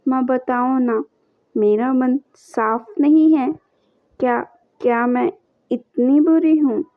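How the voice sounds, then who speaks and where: A woman's voice: sits high, fairly even intonation, takes it slowly, dry recording. A woman voicing a young newlywed who confides to her mother in a pleading, tearful way. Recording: dull lo-fi recording.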